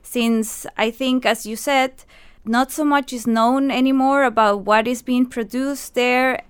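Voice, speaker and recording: A woman from Costa Rica with a clear, somewhat high voice appears as a guest in a radio studio interview. She works as university staff and organizes events, and she explains things earnestly and step by step with non-native English phrasing.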